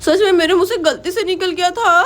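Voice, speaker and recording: A woman's voice: extremely high pitch, a little fast. A woman voicing a harried young husband in a doll story who protests and pleads. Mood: apologetic. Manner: exasperated, protesting.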